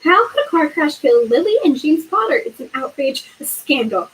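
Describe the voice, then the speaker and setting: A woman voicing a big, gruff but kindly male giant groundskeeper with a homely dialect, read aloud as a storybook. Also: high voice, sing-song, normal speed, a bit bright, slight background noise, voice pushed up, poor audio. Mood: blustering.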